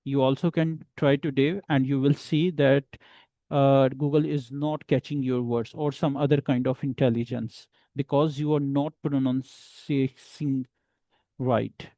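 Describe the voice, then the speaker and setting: A man leads a beginner English class, drilling pronunciation one word and number at a time. His delivery is very slow and repetitive, in a middle-pitched voice. The recording is dry and close, with no room echo. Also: steady tone, warm tone. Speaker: English teacher.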